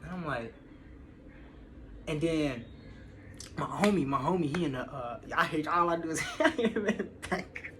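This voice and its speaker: Against a clearly noisy background, a slightly high-voiced young American man tells a story from his own life, pausing often at a moderate pace. He swears freely, uses lots of slang, and performs other people's lines as he retells it for an online audience.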